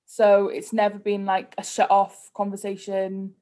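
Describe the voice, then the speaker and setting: Woman, Cardiff Welsh accent, mid-pitched, casual podcast guest, candid, conversational, frequent "like". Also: completely flat delivery, a little slow, warm tone. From Cardiff, Wales. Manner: candid, conversational, heavy use of "like". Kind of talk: casual personal interview chat.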